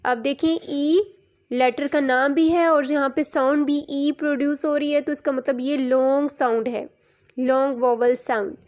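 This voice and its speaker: A woman's voice: sits high, steady tone, moderate pace, a little mellow. A woman teacher, giving a recorded English lesson and sounding words out letter by letter with explanations in Urdu. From Pakistan.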